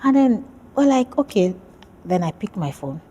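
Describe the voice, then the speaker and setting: A woman's voice: medium pitch, very animated, moderate pace, mellow, slight background noise. A woman from Nigeria, a PhD student, talking about her research in a casual interview, friendly and hesitant with many fillers.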